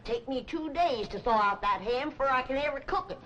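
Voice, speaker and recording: Feisty high-pitched old hillbilly granny. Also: female voice, expressive, a little fast, muffled recording, noisy background. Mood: grumbling. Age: older. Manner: cranky, folksy rural speech. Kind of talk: vintage TV sitcom acting. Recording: far, roomy vintage TV soundtrack, loud audience.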